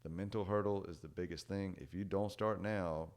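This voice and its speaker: This deep-voiced young podcast guest shares a story at normal speed in a laid-back, rambling chat. "Like" and "dude" pepper his speech, and his thoughts tend to trail off quietly.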